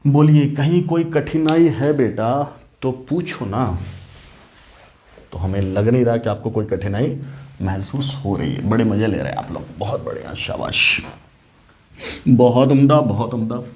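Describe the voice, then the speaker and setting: A male chemistry teacher gives an online lecture, firing questions at his students and answering them himself in a call-and-response rhythm. He keeps his voice low and hushed because it is late at night. His tone is warm and mellow, at an ordinary middle pitch. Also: expressive, measured pace. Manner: speaking softly late at night.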